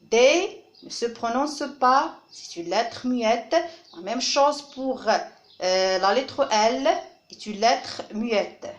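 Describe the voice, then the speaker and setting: A woman with a North African French accent, teaching a phonics lesson to children, slow and deliberate and repeating each word to model how it sounds. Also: on the high side, animated, echoey room. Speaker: primary school teacher.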